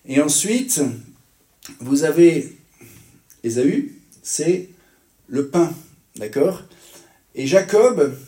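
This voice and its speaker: A man's voice: fairly high pitch, warm tone, echoey room. A man giving a teaching sermon, in a conversational way, often checking in with his listeners with little tags and questions. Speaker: preacher.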